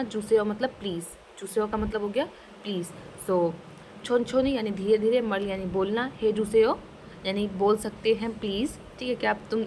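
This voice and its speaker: Woman teaching phrases, slow repetition. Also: mid-range voice, a little hiss or hum, low-quality recording. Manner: explains slowly, repeats phrases twice; mixes English words into Hindi. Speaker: Korean language teacher. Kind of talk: casual language lesson.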